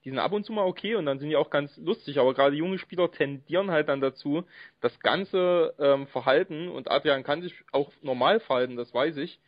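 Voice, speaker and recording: Measured man hosting a podcast. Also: a little high, no echo. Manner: measured, hedging with fillers. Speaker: podcast host. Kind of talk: casual podcast chat. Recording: dry, dull lo-fi sound.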